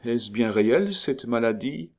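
A man reading a novel aloud, voicing a gentle, flustered young woman in a lighter, raised voice. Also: medium pitch, expressive, measured pace, pitched above the performer's own voice. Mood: gently anxious.

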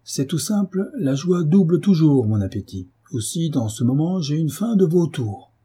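A male audiobook reader voicing a brooding middle-aged husband who speaks with icy calm and sardonic bite. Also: mid-range voice, measured pace, husky. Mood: sardonic gloating.

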